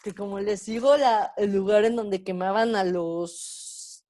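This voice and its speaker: A woman's voice: mid-range voice, a little slow, dark tone. A woman tour guide with a Mexican accent, giving a conversational storytelling talk with slides and asking her audience rhetorical questions. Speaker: tour guide, guest speaker.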